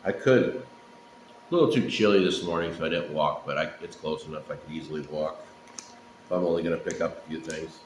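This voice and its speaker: Deep-voiced, laid-back middle-aged man. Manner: laid-back, profane, unhurried with frequent pauses. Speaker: pipe-smoking vlogger. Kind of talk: casual rambling solo chat. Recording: echoey room, faint background noise.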